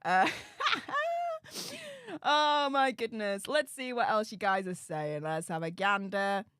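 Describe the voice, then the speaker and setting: A woman with a Yorkshire accent runs a casual livestream on YouTube, reading out and chatting about viewer comments. Her mid-range, slightly bright voice is very animated yet slow, with a little background noise.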